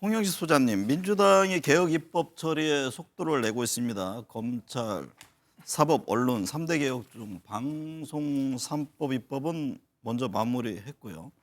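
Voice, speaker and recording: A man anchoring a televised current-affairs panel, with a mid-range voice. He puts brisk, concise questions to the guests and keeps the discussion moving. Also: mid-range voice. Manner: brisk questions, frequent short acknowledgements. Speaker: news anchor moderating a panel.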